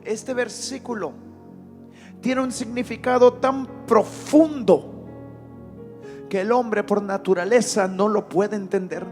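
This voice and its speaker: A pastor preaching a Sunday sermon, emphatic, repeating his phrases and building up to shouts. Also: high voice, slow, long pauses, soft background music. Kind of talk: Spanish-language Sunday sermon. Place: church.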